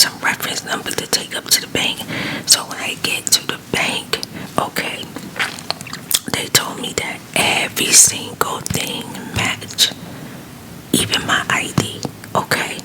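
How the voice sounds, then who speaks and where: A woman telling a rambling, conversational personal story in a hushed, breathy ASMR whisper, quiet as if at night. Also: rough recording.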